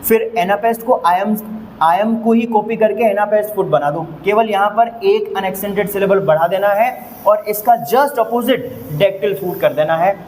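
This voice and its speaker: High-voiced Indian man teaching a lesson. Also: a little mellow, big-room sound, a little hiss or hum, rough recording. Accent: Indian English. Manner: repeats each point, asks checking questions; reads English definitions slowly, explains in Hindi. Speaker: English teacher. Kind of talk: explaining a lesson on a board.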